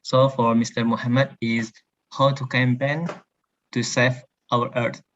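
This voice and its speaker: A man asking formal questions politely and deliberately, phrase by phrase. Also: medium pitch, fairly bright tone. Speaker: webinar participant asking questions. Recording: dull online call audio.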